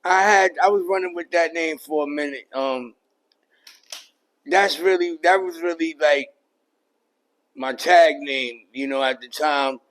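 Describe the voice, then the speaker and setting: A middle-aged man, a rapper and producer talking through his career as a podcast guest, relaxed and full of "you know what I mean.". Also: a little high, unhurried, pauses often, poor audio. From New York. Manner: laid-back, many fillers like "you know what I mean". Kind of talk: casual interview chat.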